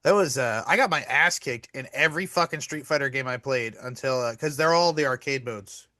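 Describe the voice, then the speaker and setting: A man's voice: medium pitch, brisk, dry recording, studio quality. A man in his thirties co-hosting a casual gaming podcast, talking animatedly, swearing and laughing. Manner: animated, swearing, laughing, gets carried away. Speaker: podcast co-host. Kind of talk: casual chat.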